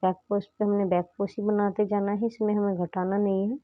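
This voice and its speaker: A woman's voice: mid-range voice, level tone, a little fast, no room sound. Female crochet tutor, sore throat, patient step-by-step teaching; narrow phone-like audio, dry. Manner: patient, repeats "dekhiye" while demonstrating. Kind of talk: step-by-step craft instruction. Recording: tinny phone-like sound.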